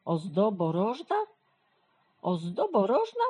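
A woman's voice: expressive, moderate pace, a little mellow, breathy edge. A woman voicing a boastful, hot-headed male rooster in a children's storybook. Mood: indignant. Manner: boastful, shrill.

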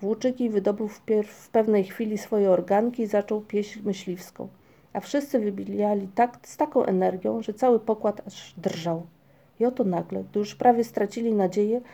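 A woman reads a children's tale aloud at a measured pace. Her voice is very dark and mellow, with a gravelly fry under the words. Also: medium pitch. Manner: measured storytelling. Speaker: audiobook narrator. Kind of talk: scripted narration.

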